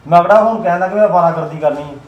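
A stubborn younger brother, played by a man, insistently arguing back. He talks extremely fast with a slightly high voice. The sound is roomy and dull. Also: close to an everyday voice. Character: idle younger brother, stubborn, wants own business. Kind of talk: scripted web drama acting.

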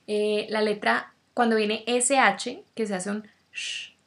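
Spanish-speaking woman giving a pronunciation lesson, slow and repetitive, crisp bright tone. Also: medium pitch, little pitch movement. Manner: slow, demonstrative, repeats sounds. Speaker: English teacher.

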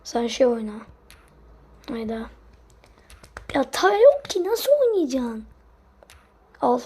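Speaking slowly in a high, breathy and very animated voice, a woman streams her gameplay with running commentary. She alternates between quiet muttering and loud cries, frustrated and swearing at her teammates.

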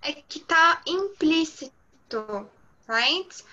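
Slow, bright woman teaching English. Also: extremely high pitch, animated, dull audio. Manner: repeats each point in English then Portuguese, slow and careful. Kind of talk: online class teaching. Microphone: video call.

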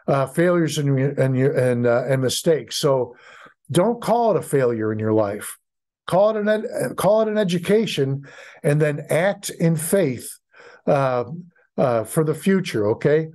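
Middle-aged American male pastor, preaching with many ums and restarts, slightly high voice. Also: darkish tone. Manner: halting, many fillers and restarts. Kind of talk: sermon.

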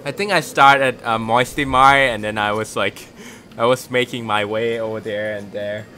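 A man's voice: fairly low pitch, steady tone, moderate pace, sharp tone, a little hiss or hum. A young man streaming a video game live, chatting with viewers and thanking them. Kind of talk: live gaming stream chat.

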